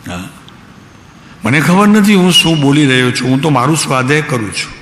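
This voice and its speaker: Man giving a calm discourse in an echoey hall. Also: a little high. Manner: unhurried, calm delivery; asks listeners direct questions. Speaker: spiritual teacher. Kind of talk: devotional discourse. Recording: echoey hall, faint background noise.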